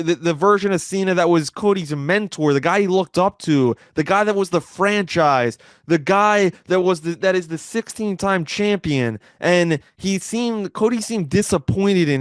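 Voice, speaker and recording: A man with a high, clear voice delivers a commentary-style recap. He often repeats and restarts words as he goes. The sound is dry and close, with very little room on it. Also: dry recording. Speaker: wrestling commentator.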